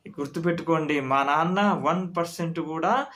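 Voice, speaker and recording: A man playing a fired-up young son in a told story, voice pushed up high and loud, earnest and protective of his dad, every line delivered with heat. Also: moderate pace, close to an everyday voice. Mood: defiant. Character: defiant young son standing up for his father.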